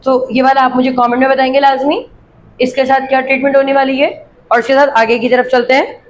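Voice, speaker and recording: High-voiced woman teaching English grammar. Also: flat delivery, slight background noise, rough recording. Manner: slow, spelled-out example sentences between quick explanations; asks questions and answers them herself. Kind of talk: explaining a grammar worksheet.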